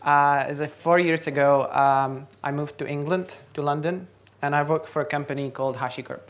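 A young native Czech speaker from the Czech Republic gives a conference talk on stage in a large lecture hall, quizzing the audience as he goes. His voice is fairly high, his intonation fairly even, and his pace moderate.

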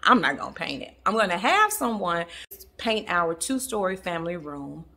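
A woman talks straight to the camera from her own home, and her bright voice leaps up and down as she makes her points. She is chatty and emphatic, laughs easily, and keeps calling her viewers y'all. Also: fairly low pitch, sing-song, normal speed. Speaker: interior design vlogger. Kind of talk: casual chat to camera. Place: at home in a family room. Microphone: camera in the room.

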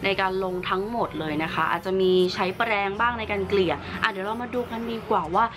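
Talking quickly in a medium-pitched voice, a woman walks viewers through a casual makeup tutorial and product review, upbeat and chatty as she explains each step. The background is noisy.

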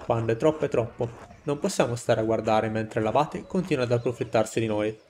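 A man's voice: medium pitch, brisk, darkish tone, a little hiss or hum, close to an everyday voice. A man voicing a defiant villager in a game, earnestly urging peasants to revolt. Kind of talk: game dialogue read aloud.

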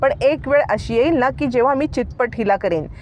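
A woman's voice: high voice, moderate pace, darkish tone, a little hiss or hum, lightly acted. A woman voicing a proud, vengeful young woman who speaks defiantly and bitterly, in a retold serial story.

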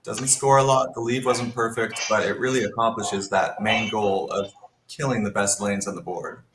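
A man's voice: on the low side, steady tone, moderate pace, reverberant, noisy background. A man commentating a Scrabble match, analytical and thinking aloud about each move. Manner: analytical, thinks aloud while reading the board. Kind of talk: live game commentary.

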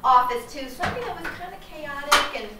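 A woman's voice: high voice, lively intonation, brisk, far from the mic. A middle-aged woman presenting a makeover show as its host and professional organizer. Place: small office indoors. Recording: echoey room, off-mic, faint noise.

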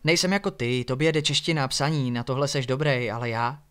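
A man's voice: medium pitch, fairly bright tone, smooth, close to an everyday voice. A man reading as a young woman, hesitant. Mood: wistful.

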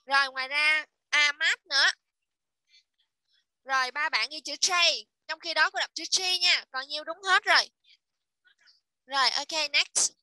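A woman teaching an online English class to children, repeating each letter and word slowly and praising her pupils. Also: sits high, sharp tone, no room sound, poor audio. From Vietnam.

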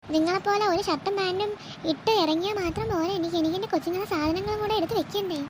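A woman's voice: extremely high pitch, quick pace, background noise. A woman voicing a young cartoon wife and mother who fusses and complains, chatty and nagging. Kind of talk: cartoon voice acting.

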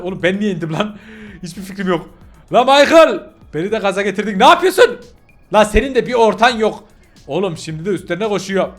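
A young Turkish man hosting a gaming channel, loudly commentating his gameplay and shouting orders at the characters. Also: high voice. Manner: loud, shouting and yelling at the game.

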